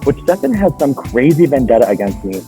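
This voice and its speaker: A man's voice: mid-range voice, big pitch swings, fairly quick, mellow, soft background music, rough recording. A man speaking in a game confessional, frank and exasperated about his chaotic team. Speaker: contestant.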